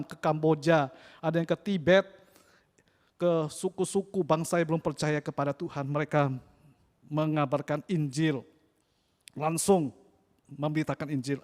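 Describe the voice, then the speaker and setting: A man, a pastor, preaching a sermon with emphatic, repeated phrases that rise in stress. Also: fairly high pitch. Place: church. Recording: church hall reverb.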